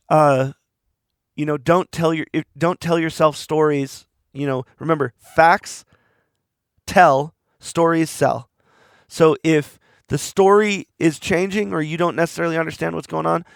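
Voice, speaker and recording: A podcast host delivers a reflective solo monologue in a rambling, earnest way as his voice gives out. His voice is a little high, a little slow and creaky, captured in clean studio sound with no echo.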